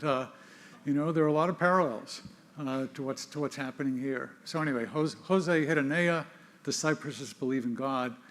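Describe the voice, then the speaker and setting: An older man hosting an interview, speaking in a halting way with many pauses. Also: medium pitch. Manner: halting, many fillers and restarts. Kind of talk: interview host conversation.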